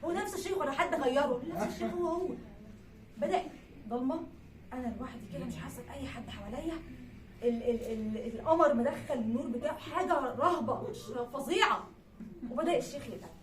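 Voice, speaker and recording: A young woman with an Egyptian accent telling a comic story at a live event, animated and laughing through her words. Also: sits high, fast talker. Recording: echoey room, distant mic, background noise.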